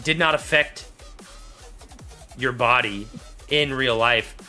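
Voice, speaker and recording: A man co-hosting a casual chat show, retelling a story with mocking, animated delivery. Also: mid-range voice, takes it slowly, soft background music. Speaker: podcast co-host.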